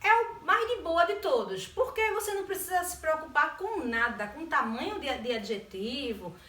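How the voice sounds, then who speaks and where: A woman's voice: sits high, expressive, moderate pace, sharp tone. A woman with a Brazilian Portuguese accent teaching an English grammar lesson, patiently stretching key words and checking that the learners follow. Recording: roomy sound from a distance.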